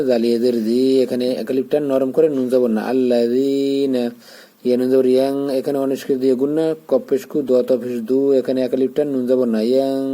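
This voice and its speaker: Guy teaching quran reading, very warm dark voice, patient step by step. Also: medium pitch. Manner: slow drawn-out chanting when joining words. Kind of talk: spelling out Arabic letter by letter.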